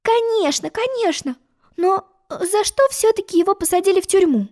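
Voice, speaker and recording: A woman's voice: extremely high pitch, expressive, moderate pace, darkish tone, pitched above the performer's own voice. A woman voicing an earnest, curious seven-year-old girl. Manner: plain, questioning, a little teasing.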